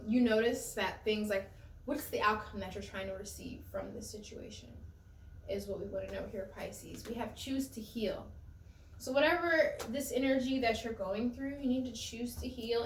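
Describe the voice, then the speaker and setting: A woman's voice: a little high, recorded from a distance, slight background noise. Woman tarot reader in an echoey room. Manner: conversational, repeats and restarts phrases. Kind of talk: casual spiritual tarot reading.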